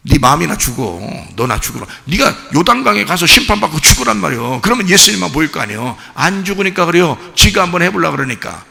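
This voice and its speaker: Gravelly, lively male pastor preaching. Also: fast talker, few pauses, big-room sound. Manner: animated preaching, shouting at peaks, then dropping low. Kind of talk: sermon.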